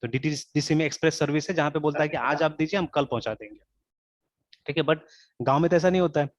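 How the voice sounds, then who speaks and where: A man's voice: fairly high pitch, fast, dry recording. A man teaching an informal programming class, mixing English into his speech and checking in constantly with "theek hai". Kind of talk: informal online coding class. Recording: dull, dry lo-fi recording.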